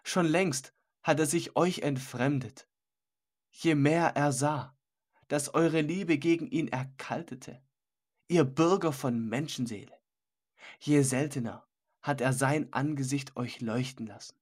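A stern, sorrowful old man in an audiobook, read by a man in a slow, solemn delivery. His husky voice carries grave reproach. He sounds weighty and unhurried. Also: fairly high pitch. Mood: mournful. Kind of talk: audiobook character voice.

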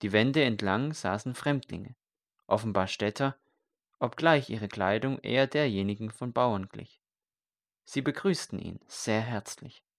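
A man narrating an audiobook in a slow, measured reading. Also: fairly low pitch, vocal fry, no room sound, clean studio sound.

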